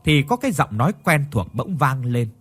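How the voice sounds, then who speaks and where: A man narrating a horror story in a dramatic, expressive reading. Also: mid-range voice, moderate pace, husky.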